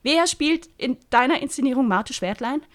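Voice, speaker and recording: A woman's voice: sits high, lively intonation, moderate pace, voice pushed up. A woman voicing an indignant young actress who answers sharply and with outrage.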